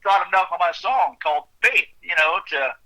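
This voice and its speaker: A man's voice: sits high, animated, moderate pace, sharp tone, rough recording. A middle-aged man, a songwriter, chatting earnestly and humbly as a guest in an interview. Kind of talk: casual interview chat.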